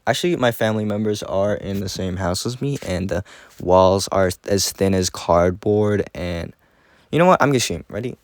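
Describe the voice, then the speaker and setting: A young man in casual commentary, rambling and self-mocking with quick asides as he reacts to his own old video at home. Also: sits low, no room sound. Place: room at home.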